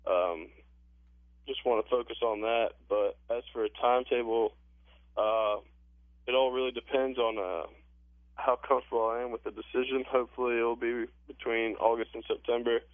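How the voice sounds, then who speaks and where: A teenage male football player gives a casual, understated interview. His mid-pitched voice comes over a narrow telephone line, dry and halting. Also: steady tone, no room sound. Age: teens. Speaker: high school football player being interviewed.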